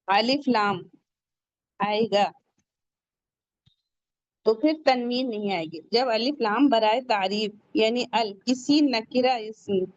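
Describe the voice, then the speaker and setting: A woman teaching recitation, speaking slowly and patiently in a fairly high voice. She explains each rule step by step, asks questions and answers them herself, and draws out the Arabic words with care. The recording is dry and a little dull. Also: dry recording. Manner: slows down to pronounce Arabic words carefully. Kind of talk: tajweed lesson.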